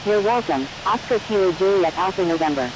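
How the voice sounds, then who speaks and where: A computer-generated pilot voice comes over the radio from a distance, set a little lower than the tower's voice. It reads back clearances in short, formulaic aviation phrases at a middling pitch, against a faint hum of background noise. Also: lively intonation, a little fast. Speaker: airline pilot. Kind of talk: synthetic radio readbacks in a flight simulator.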